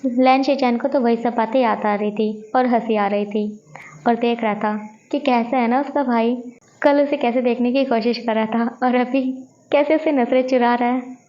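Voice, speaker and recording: A woman's voice: darkish tone, muffled recording. A woman casually narrating a fanfiction story, chatting between scenes and lifting her voice a little for the characters' lines. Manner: voices characters' dialogue with slight pitch lifts, chatty asides.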